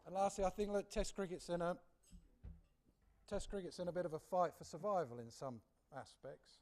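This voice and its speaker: A man's voice: sits high, fairly quick, a little mellow, a little hiss or hum. A man giving an earnest, fluent dinner speech as a sports official.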